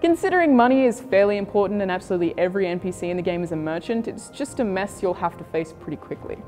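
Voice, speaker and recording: A woman's voice: medium pitch, expressive, fast, a little mellow. A woman reading scripted video game reviews and news as a presenter. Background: music.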